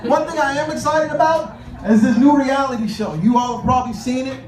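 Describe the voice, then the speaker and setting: A man with a very high voice performs a stand-up set, chatting through his stories and slipping into the voices of the people in them. He pauses often with "uh" between thoughts. The recording is roomy and taken from a distance. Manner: conversational storytelling with filler pauses, acts out both sides of dialogues. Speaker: stand-up comedian. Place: comedy club stage with audience laughter. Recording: echoey room, from a distance, noisy.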